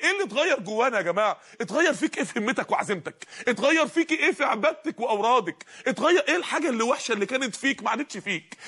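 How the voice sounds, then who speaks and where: A man's voice: very high voice, bright, forceful tone, slightly rough. A man with an Egyptian accent preaching a sermon, firing off impassioned rhetorical questions one after another. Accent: Egyptian Arabic.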